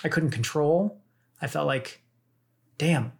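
Speaking in a low, gravelly voice, a South Korean adoptee shares a personal story as a guest in casual conversation. She is earnest but halting, filling her speech with many fillers.

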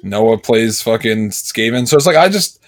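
A man's voice: fairly low pitch, expressive, normal speed. Laid-back, slangy man chatting on a podcast. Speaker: podcast co-host. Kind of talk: casual chat, answering listener questions.

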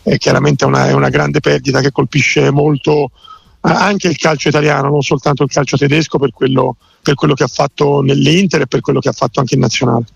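A man joining a radio sports show as a guest over the phone, speaking in a measured way with many pauses and restarts. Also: mid-range voice, little pitch movement, creaky, husky, no echo, lo-fi sound. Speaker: newspaper deputy editor, studio guest.

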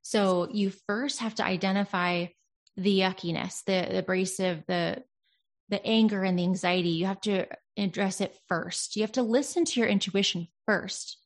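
A woman's voice: medium pitch, steady tone, moderate pace. A woman in casual conversation about healing and self-talk, speaking earnestly and reflectively, sometimes slipping into quoted voices. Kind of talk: casual self-help chat.

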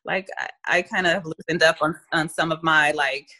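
A woman guest giving casual relationship advice, talking in quick asides and acting out little lines of dialogue. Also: low voice. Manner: animated, talks in quick asides with many "like" and "you know" fillers.

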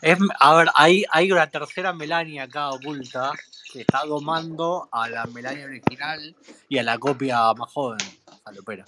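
A man's voice: on the high side, moderate pace. A man with an Argentine accent making teasing, mocking remarks in a casual online voice chat. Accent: Argentine Spanish. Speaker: participant in an online voice chat room. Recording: noisy line with clicks.

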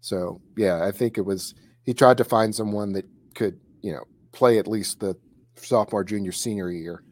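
A man's voice: lowish voice, normal speed, darkish tone. A man telling a story in a casual chat, with many fillers and restarts. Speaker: co-host recalling high school kicking.

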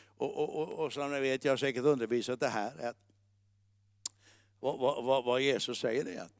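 A man preaching a sermon as pastor, moving between loud declaring and quiet musing, with English words mixed in. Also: mid-range voice, fairly even intonation, gravelly, no room sound, studio quality. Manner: mixes English words into the talk.

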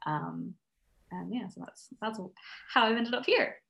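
This podcast guest, a young crochet designer from the United States, chats casually and often laughs, with plenty of ums and restarts. Her medium-pitched voice is gravelly, bright, and forceful, at a measured pace in a reverberant space.

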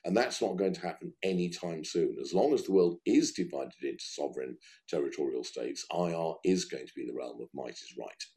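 A middle-aged man giving measured, emphatic arguments in a panel discussion. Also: extremely low pitch, expressive, mellow. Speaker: guest commentator.

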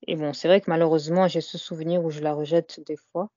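A woman's voice: low-pitched, fairly even intonation, quick pace, mellow, no echo, highs cut off. A young woman as an interview guest, talking casually and hesitantly, with many fillers and "you know" tags. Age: young adult.

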